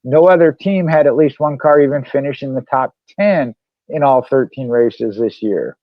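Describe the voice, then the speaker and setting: A man co-hosting a racing podcast, chatting casually and slowing down to read figures. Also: medium pitch, dry recording. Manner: conversational, reads figures slowly. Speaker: podcast co-host. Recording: dry dull lo-fi mic.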